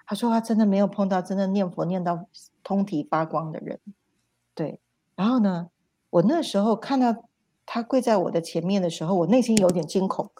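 A woman, a spiritual teacher telling dream stories on a livestream in an animated, repetitive way. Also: mid-range voice, fairly quick. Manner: animated, repetitive retelling with sound words. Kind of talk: livestream storytelling talk.

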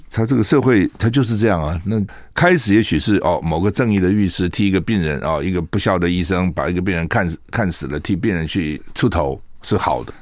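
A man's voice: low voice, no room sound. A man hosting a radio talk show, giving a chatty opinion monologue full of rhetorical asides and tag questions in a studio.

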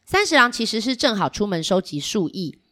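A woman storyteller reading a picture book to small children in an animated way, coaxing them with questions. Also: mid-range voice, brisk.

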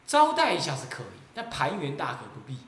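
Taiwanese-accented abbot giving a lively sermon. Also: male voice, on the high side, brisk, slight background noise. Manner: lively, mocking, laughs often. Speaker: abbot and Buddhist teacher. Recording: echoey roomy recording.

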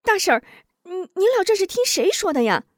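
A woman voicing an impulsive young woman who breaks in with loud, eager interjections. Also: low-pitched, big pitch swings, a little slow, breathy edge, no echo, clean studio sound, voice pushed down, exaggerated voice. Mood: eager, urgent.

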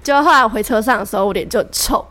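A woman's voice: on the high side, rapid-fire, fairly bright tone. A young woman co-hosting a podcast, telling a personal story in casual chat and acting out the voices of the people in it. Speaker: podcast co-host. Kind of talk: casual chat between friends.

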